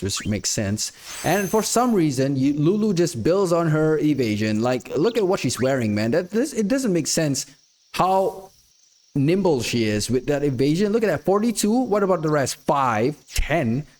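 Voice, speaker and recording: A man with a nasal, croaky voice, sick but chatty, rambling through casual gameplay commentary. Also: mid-range voice, a little mellow. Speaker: gaming youtuber.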